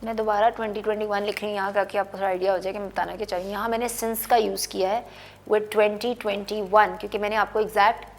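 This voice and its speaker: A woman's voice: mid-range voice, flat delivery, fast. A woman teaching an English grammar lesson, explaining patiently and often checking in with the listener. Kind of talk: bilingual classroom lesson.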